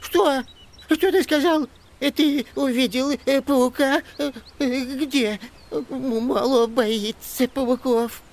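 A calm, measured male elf from a storybook audiobook, as the reader plays him, who gives careful advice. He hesitates and stammers when frightened, and speaks of himself by name. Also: medium pitch, close to an everyday voice. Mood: panicky. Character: wise but timid male elf, afraid of spiders. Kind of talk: audiobook character voice.

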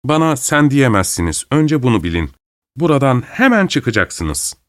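A man's voice: mid-range voice, very animated, moderate pace, dry recording, clean studio sound, close to an everyday voice. A man voicing a tired, short male club steward who speaks formally and sternly.

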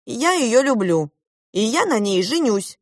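A haughty storybook boy prince who talks down to his rival, put on by a woman reading aloud. The voice sits high and lively, with a pushy, lecturing edge. The recording is close and dry. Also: measured pace, dry recording. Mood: boastful. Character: boastful young underwater prince, boy, proud and argumentative.

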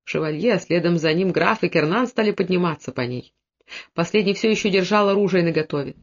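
A man reading a historical novel aloud in steady storytelling narration, dropping his voice lower for the characters' lines. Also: a little fast, highs cut off. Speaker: audiobook narrator. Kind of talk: scripted narration.

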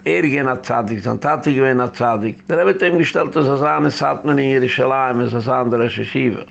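A man's voice: mid-range voice, creaky. A man who is a rabbi, giving a rambling community lecture that tells stories and drops in English phrases. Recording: dull lo-fi recording.

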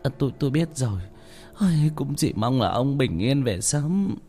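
A man's voice: mid-range voice, lively intonation, moderate pace, darkish tone, soft background music, natural voice. A man voicing a worried old wife who frets and stammers. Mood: anxious. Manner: fretful, stammering.

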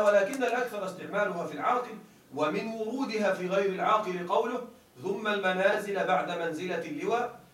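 A man's voice: high-pitched, fairly bright tone, echoey room, recorded from a distance, a little hiss or hum, poor audio. A male teacher gives a grammar lecture. He reads a classical text aloud, explains it, and keeps checking that his listeners follow.

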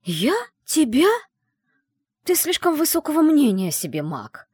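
A woman's voice: on the high side, big pitch swings, brisk, slightly rough, dry recording, clean studio sound. A woman voicing a defiant young witch student who snaps back in angry outbursts, in an audiobook. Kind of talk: audiobook dialogue reading.

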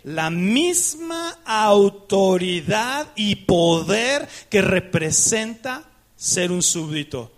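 A man preaching a sermon. He keeps turning to the congregation with questions and acts out little dialogues with God, shifting between slow, weighty phrases and quick asides. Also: high voice, a bit bright. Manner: asks the congregation questions, rhetorical and emphatic. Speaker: pastor.

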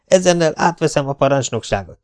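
A man voicing a hard, hostile male agent in an audiobook, gruff and commanding. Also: on the high side, animated, darkish tone, voice pushed up, natural voice. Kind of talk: audiobook character voice.

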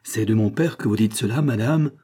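A man's voice: lowish voice, moderate pace, mellow, slightly rough. A man doing a hurt, defiant young boy. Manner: firm, indignant questioning.

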